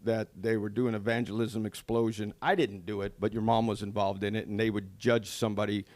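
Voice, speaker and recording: A man's voice: fairly low pitch, level tone, brisk, darkish tone, no room sound. Earnest middle-aged man telling a story. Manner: storytelling, earnest about faith. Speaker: podcast co-host. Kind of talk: casual chat.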